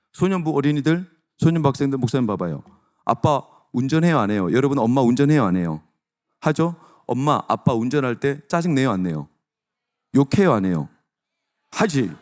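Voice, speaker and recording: A middle-aged male pastor preaching a sermon, animated and repeatedly asking the congregation direct questions. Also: medium pitch.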